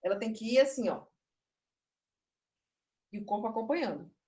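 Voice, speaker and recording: Teaching a puppetry class online, a woman explains and demonstrates, interrupting herself and sounding a little nervous. Her warm, animated voice is on the high side at a moderate pace, heard from afar in an echoey room.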